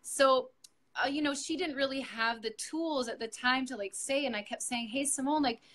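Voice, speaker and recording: A middle-aged yoga teacher shares her story with her coach in a heartfelt interview testimonial, speaking earnestly and reflectively with frequent fillers and restarts. Her voice sits high, fairly bright, at a moderate pace.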